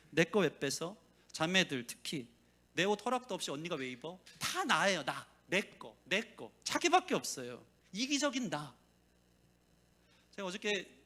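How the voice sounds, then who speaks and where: Bright, animated male pastor preaching. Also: high voice. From South Korea. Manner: animated storytelling, acts out quoted voices. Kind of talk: sermon.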